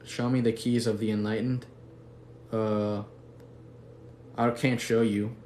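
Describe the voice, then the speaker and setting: A young man from Mexico City, who later moved to the US, hosts a casual livestream and replies to viewer comments in a relaxed, slangy, affectionate way. His voice is fairly low and darkish, delivered flatly at a slow pace. The recording picks up room echo and faint background noise.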